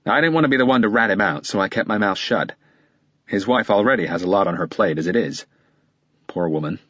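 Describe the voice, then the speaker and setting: A man's voice: lowish voice, expressive, a little fast, a bit bright, no echo, dull audio. A man voicing a guarded middle-aged male lawyer who answers in a clipped, impatient way. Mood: defensive.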